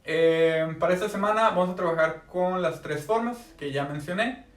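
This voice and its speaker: High-voiced teacher in an echoey room. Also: male voice. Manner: slow, deliberate repetition of example sentences. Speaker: English teacher. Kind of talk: recorded remote class lesson. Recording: echoey room, distant mic.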